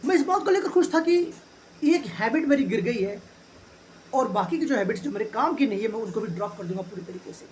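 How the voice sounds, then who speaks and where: A man's voice: very high voice, expressive, a little fast, darkish tone, slight background noise. A man hosting a personal finance video, telling a personal story in a chatty, motivational way and mixing English phrases into his talk. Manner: addresses viewers as friends.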